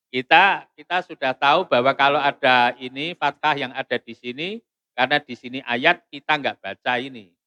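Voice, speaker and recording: A man teaching Quran recitation rules in a mosque. He slowly intones the verses, then explains them briskly. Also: mid-range voice, pushed and bright, no room sound. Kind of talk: teaching tajwid.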